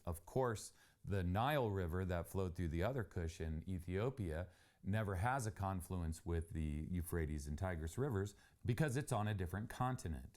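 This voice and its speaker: An earnest middle-aged man with a fairly low voice presents a travel documentary, laying out each point carefully. He grew up in Saudi Arabia. His voice sounds dry and close, with no room around it. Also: darkish tone, dry recording. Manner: earnest, explanatory.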